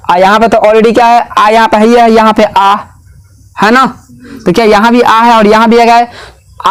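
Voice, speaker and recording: A man's voice: high voice, clear, resonant tone. A man teaching a grammar lesson in a classroom, asking questions again and again and repeating the answers.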